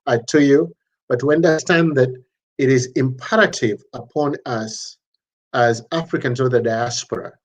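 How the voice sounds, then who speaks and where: A man teaching an introductory online language lesson, patiently sounding out syllables and often restarting his sentences. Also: medium pitch. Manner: patient, repeats syllables slowly, many restarts. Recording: slightly dull lo-fi audio.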